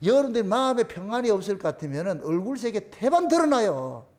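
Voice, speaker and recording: A man's voice: high-pitched, very animated, fast, a little mellow. A man with a Gyeongsang accent preaching a sermon as pastor, emphatic and repetitive, asking the congregation questions and answering them himself. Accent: Gyeongsang Korean. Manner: repeats phrases for emphasis.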